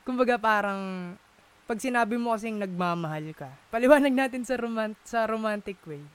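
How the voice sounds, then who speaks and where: A man's voice: sits high, moderate pace, clear, resonant tone. A man in a casual chat, searching for words and mixing English into his talk. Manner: searching for words, many fillers, Taglish code-switching. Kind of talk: casual conversation.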